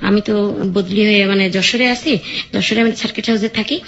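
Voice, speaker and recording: A kindly, protective male police officer speaks in a gentle, coaxing way, as a woman quotes him in her story. The delivery is quick. The sound is dull and lo-fi, like an old radio recording. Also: medium pitch, steady tone, lightly acted. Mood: reassuring.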